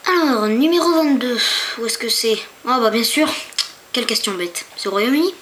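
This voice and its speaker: High-voiced chatty woman. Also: animated, moderate pace, a bit bright, slight background noise. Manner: chatty, hesitant, stumbles over foreign names; talks to viewers with rhetorical questions. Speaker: YouTuber. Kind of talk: casual screen-tour commentary.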